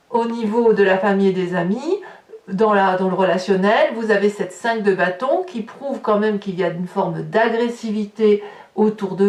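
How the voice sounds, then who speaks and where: A woman with a French accent giving a chatty tarot reading to her viewers, full of fillers and restarts. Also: mid-range voice. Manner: talkative, many fillers and restarts. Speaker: tarot reader. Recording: echoey room, voice a bit far from the mic.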